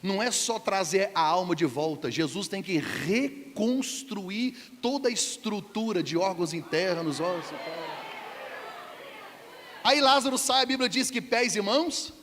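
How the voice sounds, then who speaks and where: High-voiced playful preacher. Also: male voice, animated, measured pace, fairly bright tone, a faint crowd. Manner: playful, jokes and asks the congregation questions. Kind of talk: humorous sermon. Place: church hall. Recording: church hall reverb, faint background noise.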